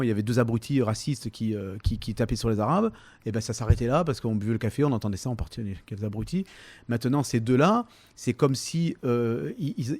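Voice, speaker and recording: Brief: fifties man, Provençal accent, low mellow tone, dry close mic, halting casual answers. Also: creaky, dry recording. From southern France, Toulon. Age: 50s. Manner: halting, many fillers and restarts. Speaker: comedian, interview guest.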